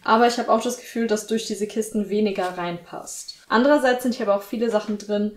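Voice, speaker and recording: A woman's voice: medium pitch, quick pace. Chatty young woman vlogging at home. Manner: chatty, upbeat, listing her chores. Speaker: lifestyle vlogger. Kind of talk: casual vlog talk to camera. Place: small bright apartment room, indoors.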